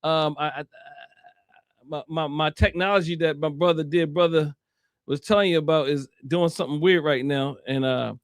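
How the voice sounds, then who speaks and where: Playful, halting male talk-show host. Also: a little high, steady tone, no room sound, studio quality. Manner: halting, repeats words, playful. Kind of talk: casual chat show hosting.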